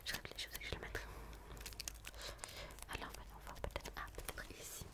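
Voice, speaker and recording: A woman doing a whispered role-play as a gentle, quirky book therapist, in a hushed library whisper, softly repeating phrases to soothe. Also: a little fast. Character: quirky, gentle female book physiotherapist attending a patient. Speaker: ASMR performer playing a book therapist.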